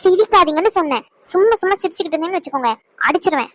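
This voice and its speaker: Woman playing an indignant wife, very fast talk, high voice, scolding, dry close sound. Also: expressive, fairly bright tone, dry recording. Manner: scolding, indignant, rapid-fire. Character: indignant young wife, quick-tempered. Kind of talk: comedy skit dialogue.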